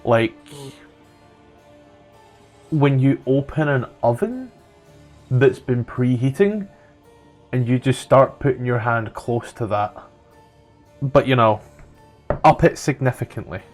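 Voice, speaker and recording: A man's voice: mid-range voice, slow pace, pauses often, darkish tone, soft background music. A man with a Scottish accent narrating a tabletop game as game master, rambling and chatty as he describes the scene. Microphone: own microphone.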